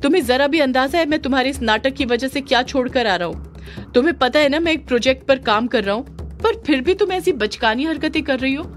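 A woman's voice: mid-range voice, lively intonation, normal speed, faint music behind, lightly acted. A woman voicing an exasperated young man who scolds his girlfriend in a Hindi audio drama. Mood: angry. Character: young man, irritated boyfriend.

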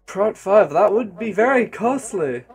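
A man's voice: high-pitched, expressive, unhurried, soft background music, voice pushed up. A man voicing an evil, otherworldly villain in an improvised game role-play, with a theatrical, unhinged drawl. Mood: gloating, sinister. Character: evil otherworldly villain granting costly powers.

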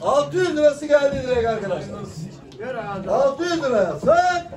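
A man's voice: very high-pitched, sing-song, normal speed. A middle-aged man working as an auctioneer, calling out bids and repeating prices insistently. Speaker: auctioneer at a live poultry auction. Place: small indoor auction room with caged birds. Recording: distant mic, noisy crowd with bird sounds. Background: crowd chatter, chickens and pigeons.

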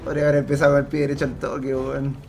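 A Chilean man streaming gameplay, swearing freely and breaking into excited yelling. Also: mid-range voice, racing, vocal fry, faint music behind. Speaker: gaming streamer.

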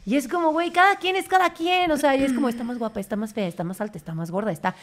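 A young woman with a Mexican Spanish accent, hosting a podcast and telling stories in a casual, animated way, acting out quotes. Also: sits high, rapid-fire. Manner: animated, swearing, acts out quotes. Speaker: podcast host. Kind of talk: casual chat.

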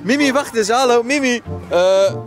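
A man's voice: very high voice, moderate pace. A man chatting casually for a family vlog, playfully urging children along with repeated phrases. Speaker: parent vlogger filming a family day out. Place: outdoors in an amusement park. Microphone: handheld camera. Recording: crowd and music behind.

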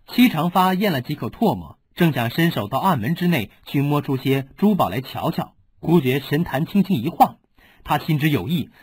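Man, audiobook narrator, husky voice, lively delivery, dry close recording. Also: a little high, dry recording. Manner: animated storytelling. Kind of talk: scripted narration.

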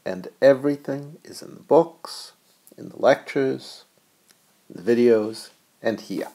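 A man's voice: mid-range voice, a little slow, creaky. A middle-aged man, an economics professor, giving a recorded video lecture in a playful, jokey way. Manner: playful, animated, jokey asides. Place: US college.

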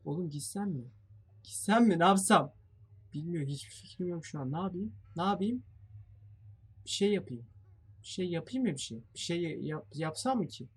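Young man, husky voice, raised pitch, jumpy, cursing, thinking aloud, let's play commentary. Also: expressive, brisk, darkish tone. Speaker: gamer playing a horror game.

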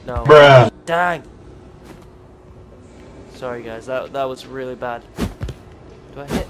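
Slow, excitable gaming commentator man. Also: mid-range voice, noisy background. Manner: excitable, talks to himself and the enemies while playing. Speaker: gaming video creator. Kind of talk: gameplay commentary.

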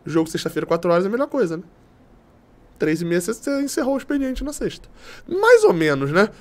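Um homem na casa dos trinta com sotaque carioca, apresentando um podcast de futebol por chamada de vídeo de casa, brincalhão e cansado. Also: male voice, high-pitched, fast talker. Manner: joking, animated, imitates others. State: tired. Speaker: podcast host. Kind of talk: casual football podcast chat. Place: home room.

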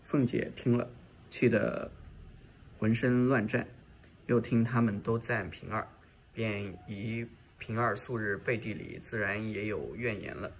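Male audiobook narrator, low and gravelly, steady reading with small restarts. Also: unhurried, a little hiss or hum. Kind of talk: reading a classic novel aloud.

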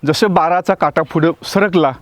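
A man with a notably high voice tells a personal story, acting out the dialogue and often breaking off to restart a phrase. The sound is close and dry, with no room around it. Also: normal speed, dry recording. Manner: vivid, re-enacts dialogue with frequent restarts. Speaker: acting teacher recounting a devotional experience.

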